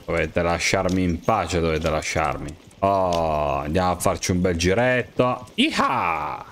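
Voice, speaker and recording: A young man playing a game, joking and excitedly talking to the characters around him. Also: sits low, unhurried, a little hiss or hum. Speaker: gamer. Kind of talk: game commentary, role-playing as himself.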